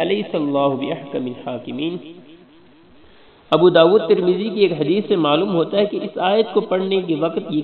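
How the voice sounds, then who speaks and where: A male Islamic scholar giving a religious lesson, explaining pronunciation rules step by step and drawing out sample words slowly. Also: a little high, vocal fry. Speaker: Islamic scholar teaching Quran recitation. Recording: tinny, echoey recording with an audience.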